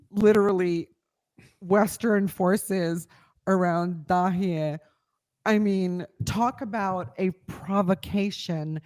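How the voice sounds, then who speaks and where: A woman's voice: mid-range voice, darkish tone. A woman co-hosting a casual political discussion, talking conversationally with frequent fillers. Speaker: podcast co-host.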